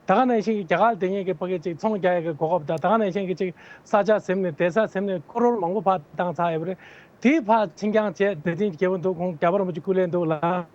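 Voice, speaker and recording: Brief: male candidate, high-pitched, earnest and explanatory, dull lo-fi sound. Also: brisk, a little mellow. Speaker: political candidate interviewed as guest. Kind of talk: answering interview questions at length.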